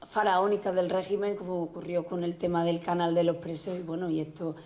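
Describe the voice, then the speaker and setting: A woman journalist giving a conference talk, speaking with many pauses and restarts. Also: fairly low pitch, flat delivery, a little mellow. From Spain. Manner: hesitant, many restarts and fillers. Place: public conference hall.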